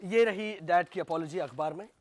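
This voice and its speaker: An actor playing a calm grown son who explains things in a matter-of-fact way. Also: male voice, high-pitched, moderate pace, natural voice.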